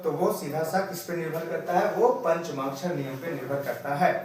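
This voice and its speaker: A man teaching a grammar lesson, who asks and answers his own questions and sounds out syllables slowly. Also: on the high side, fairly even intonation, distant mic. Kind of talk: explaining lesson. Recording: very echoey room, voice off-mic.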